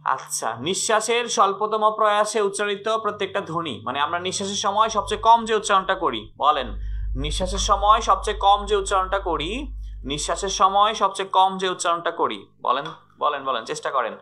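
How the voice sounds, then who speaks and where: Middle-aged male teacher for a live online class, fairly high and very bright, who drills questions and urges students on. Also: a little fast. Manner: repeats questions and coaxes students to answer. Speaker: Bengali grammar teacher.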